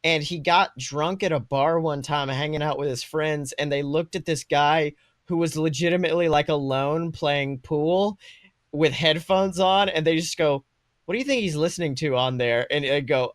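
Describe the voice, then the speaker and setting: A young man in his twenties co-hosts a podcast, chatting casually and telling animated stories with irreverent emphasis and plenty of swearing. His voice is fairly high with a steady tone and normal speed, recorded close and dry.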